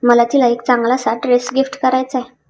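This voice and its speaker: A woman's voice: fairly high pitch, completely flat delivery, a little fast, darkish tone, slight background noise, lightly acted. A woman voicing an easygoing, cheerful young man with a breezy, friendly manner.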